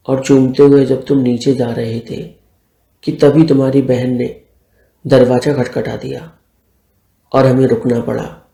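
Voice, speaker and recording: Male narrator, gravelly voice, echoey room, voices both lovers himself. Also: medium pitch, warm tone. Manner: reads both lovers' lines in his own voice. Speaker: storyteller. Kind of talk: scripted story narration with dialogue.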